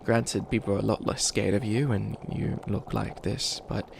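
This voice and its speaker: On the low side, a man's voice stays level at a moderate pace against clearly noisy ambience. In a comedic ASMR roleplay he voices a flustered, youthful-looking 853-year-old bunny witch who wants to be evil but is harmless, stammering, fussing and rambling defensively.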